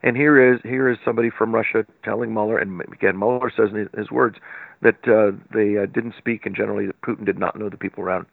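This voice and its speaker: A man's voice: fairly low pitch, fairly even intonation, fast, creaky, no echo. A man giving a political interview as a guest commentator, recounting events in detail and arguing his point emphatically. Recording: tinny phone line.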